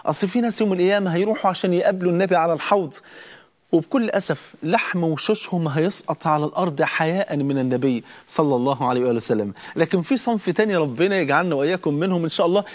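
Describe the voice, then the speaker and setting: Egyptian male preacher, rapid-fire fervent sermon delivery, pitched a bit high, pressing emphasis. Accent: Egyptian Arabic. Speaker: preacher hosting a Ramadan program. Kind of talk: religious sermon.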